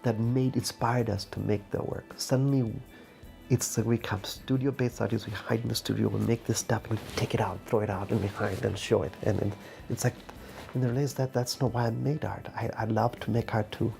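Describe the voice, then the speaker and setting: A man's voice: fairly low pitch, fairly even intonation, a little fast, gravelly, dark tone, faint music behind. A man from Zimbabwe, an artist and art teacher, speaking thoughtfully in a documentary interview and searching for his words.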